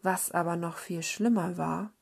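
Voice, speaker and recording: A woman reads a children's story aloud, calm and measured. She takes her time with a very unhurried pace. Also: fairly low pitch, vocal fry, husky.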